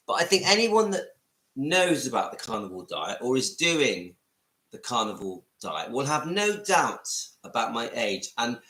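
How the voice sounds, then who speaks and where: A man's voice: mid-range voice, pushed and bright, echoey room, poor audio. A man in his fifties from southwest England with a West Country accent, chatting casually to viewers on a home livestream and greeting commenters by name. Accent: West Country English. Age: 50s. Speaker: livestream vlogger. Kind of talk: casual live chat to viewers. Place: room at home.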